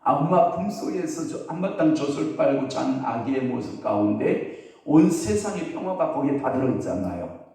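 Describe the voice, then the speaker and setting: A pastor preaches at an early-morning sermon, telling stories and putting questions to the congregation. His medium-pitched, dark-toned voice has lively intonation and normal speed, heard from a distance in a very echoey hall.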